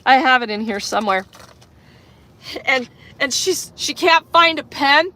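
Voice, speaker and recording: A woman telling a story in a casual vlog, swearing freely and retelling a run-in with lively energy. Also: high voice, unhurried. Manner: profane, animated retelling. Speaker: vlogger.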